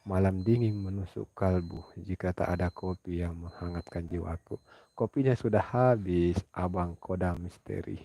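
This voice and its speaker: A man from South Sulawesi hosting a casual late-night livestream, speaking in a hushed voice so as not to wake others, reading viewer comments aloud and answering them at home at night. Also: low voice, fairly even intonation, normal speed, creaky. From South Sulawesi, Indonesia. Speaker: livestream host.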